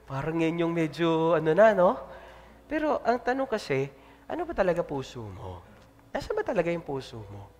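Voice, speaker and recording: A man preaching a sermon as pastor, swinging between loud calls and soft asides. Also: fairly high pitch, in a large hall.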